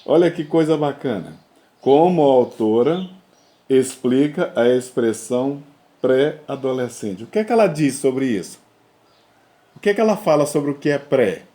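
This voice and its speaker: A man's voice: mid-range voice, expressive, moderate pace, mellow. A male language teacher giving a remote class, explaining step by step and often checking in with his students. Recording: roomy echo.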